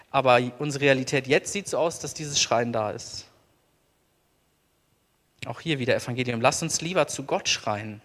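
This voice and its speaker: A man preaching a sermon as pastor, earnest, slowing down to stress key words. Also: on the high side, a bit bright. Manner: earnest, slows down for emphasis. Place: church. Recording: long church reverb.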